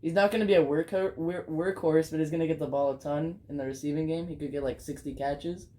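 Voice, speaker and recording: A man's voice: on the high side, steady tone, fast talker, warm tone. A man casually ranking football players with friends, teasing and using lots of fillers. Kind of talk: casual chat.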